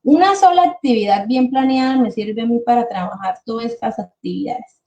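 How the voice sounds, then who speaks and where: A woman speech therapist presenting a webinar to parents and teachers, explaining patiently and slowing down to model words the way she would for children. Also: on the high side, dark tone.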